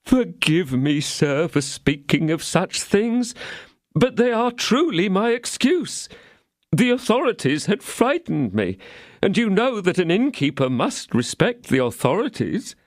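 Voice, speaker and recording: A man voices a trembling, fawning middle-aged innkeeper who is frightened and pleads in a lamenting tone. His voice sits high, above his own natural pitch, with big pitch swings and an unhurried pace, recorded with no room sound.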